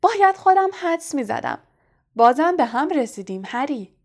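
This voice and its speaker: A woman voicing a vain, showy male teacher who talks in a booming, cheerfully pompous way. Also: lively intonation, creaky. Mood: jovial.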